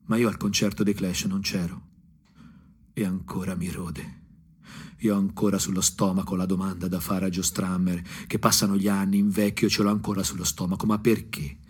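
A low-pitched male actor performs a radio drama monologue as a disillusioned ex-punk from the provinces, looking back with bitter irony. His delivery is husky and brooding, marked by dramatic pauses. Guitar music plays beneath his voice.

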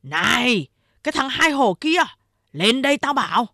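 Lady reading as a gruff crude gang boss guy, bullying, lively up-and-down delivery, dry sound. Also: fairly high pitch, a little slow, no echo, voice pushed up, full character voice. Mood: angry.

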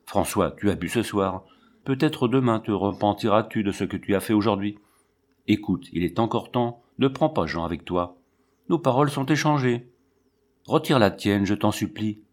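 A man's voice: fairly low pitch, lively intonation, moderate pace. A man reading the part of a worried, timid woman pleading with her husband. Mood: fearful.

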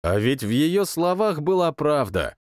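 Lively male audiobook narrator. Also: a little high, measured pace, no room sound, clean studio sound. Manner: lively, growling outbursts in quoted lines. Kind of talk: first-person audiobook narration.

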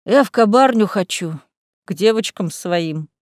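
A woman's voice: medium pitch, animated, a little mellow, no room sound, lightly acted. Woman reading a sloppy drunk mayor, middle-aged man, slurred, storybook, dry close sound. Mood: drunken. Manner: slurred, slow drunken speech.

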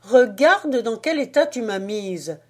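Brief: a woman voicing a proud, irritated young woman, indignant and sharp, in an audiobook. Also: on the high side, lively intonation, slow pace, pitched above the performer's own voice. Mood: vexed. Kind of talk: audiobook dialogue reading.

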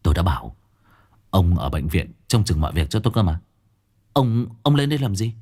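A man voicing a calm, stern young male exorcist who speaks in a cool, measured way. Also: low voice.

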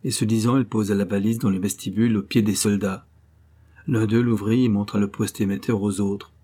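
Low, husky male audiobook narrator. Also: fairly even intonation, mellow. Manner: measured, grave storytelling. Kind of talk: scripted narration.

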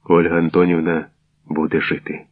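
A man reading as a calm village doctor. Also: low voice, normal speed. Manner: restrained, soothing. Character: calm, reserved middle-aged male village doctor. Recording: dull, dry recording.

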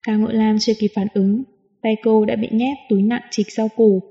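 Female audiobook narrator, even and smooth; dull lo-fi sound with long reverb. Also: fairly high pitch, fairly quick. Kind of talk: scripted narration.

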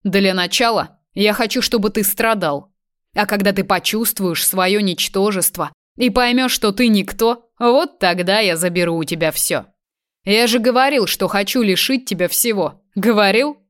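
A man's voice: high-pitched, normal speed, fairly bright tone. A woman reading the part of a cruel, vengeful male kidnapper who taunts and gloats. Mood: gloating. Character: vengeful cruel young man kidnapper, mocking.

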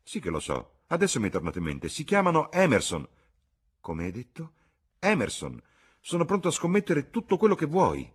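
A man's voice: a little high, wildly swooping pitch, moderate pace, breathy edge, pitched above the performer's own voice, heavily acted. A man voicing a boisterous, teasing young man who speaks brashly and sure of himself. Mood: cocky.

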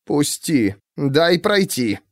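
A man's voice: fairly high pitch, very animated, extremely slow, no echo, clean studio sound, full character voice. A man doing a mumbling, evasive middle-aged man. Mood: harsh. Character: furtive middle-aged man, meek then snapping.

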